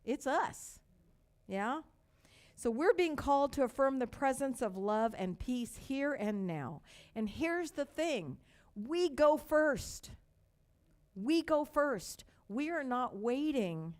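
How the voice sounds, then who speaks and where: With a high, sing-song voice and a darkish tone, an older Texan woman pastor delivers her sermon. Her light Texas accent carries slow, emphatic repetition broken up by little stories.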